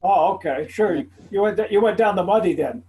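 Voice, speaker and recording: High-pitched man with a very mellow tone. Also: fairly quick, poor audio. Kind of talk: casual group chat. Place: online video meeting.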